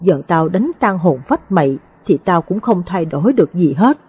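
A woman voicing a grief-stricken, bitter old man in an audio story, low and husky. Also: sing-song, moderate pace, warm tone, full character voice.

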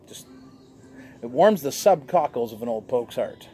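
A man's voice: mid-range voice, a little slow. Jovial man reviewing beer outdoors. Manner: jovial, chatty, animated gestures. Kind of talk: casual beer review vlog. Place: outdoor patio in sunshine. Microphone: fixed camera across a table.

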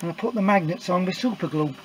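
A fast-talking middle-aged man with a high voice gives a casual tour of his DIY build in an indoor workshop, plain-spoken and rambling, stumbling through uhs and restarts. The camera mic, recording while he films his hands off-camera, yields poor audio with a faint hiss or hum.

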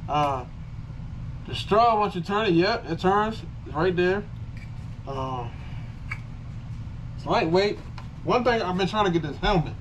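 A man's voice: sits high, expressive, unhurried, long pauses. A man speaking through a gas mask in a laid-back, rambling way as he shows off gear. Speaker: vlogger reviewing gear. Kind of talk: casual product demo. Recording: distant mic with clear background noise.

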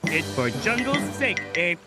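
A man voicing a friendly, dim-witted cartoon jungle strongman who talks in simple, broken caveman grammar over loud music. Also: high voice, big pitch swings, a little slow. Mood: confused, eager. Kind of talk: cartoon voice acting.

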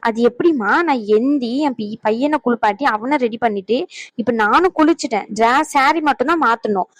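A woman's voice: fairly high pitch, normal speed, a little hiss or hum, close to an everyday voice. A woman voicing a young married daughter in a cartoon, sulky and complaining. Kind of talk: cartoon voice acting.

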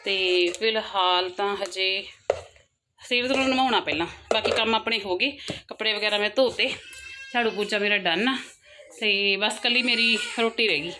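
A woman's voice: mid-range voice, moderate pace, background noise. A young woman and mother chatting casually to her viewers at home in a daily vlog, talking loosely in long run-on sentences. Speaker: family vlogger, mother. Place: at home, indoors.

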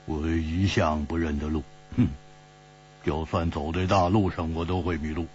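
A man's voice: very deep voice, steady tone, moderate pace, a little mellow, voice pushed down. A man voicing a bold, jovial swordsman who laughs and teases his captors, in pingshu storytelling style. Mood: mocking bravado. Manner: laughing, teasing storyteller's character voice. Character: bold, jovial male swordsman, boastful and mocking. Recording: dull lo-fi recording with mains hum.

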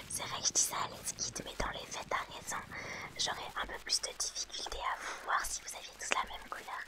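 A woman whispering softly to her audience in ASMR style, reading out chat names and answering them gently. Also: moderate pace. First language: French.

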